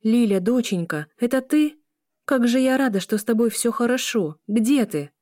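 A woman voicing a stern middle-aged mother who scolds loudly. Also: on the high side, animated, moderate pace, dry recording, clean studio sound, pitched above the performer's own voice, lightly acted. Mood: scolding. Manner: scolding, loud.

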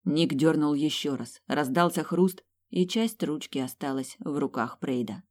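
An audiobook narrator with a low, unhurried voice reads a novel in the first person. Her delivery is emotive, lifting on exclamations and quoted lines.

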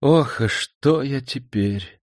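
A man voicing a blind young Roma woman, tender and sorrowful, speaking softly and plaintively. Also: medium pitch, animated, moderate pace, no echo, studio quality, close to an everyday voice. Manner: soft, plaintive.

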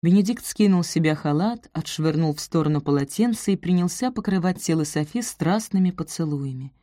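Mellow, low-pitched woman narrating a romance. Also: animated, a little fast, dry recording, clean studio sound. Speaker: audiobook narrator.

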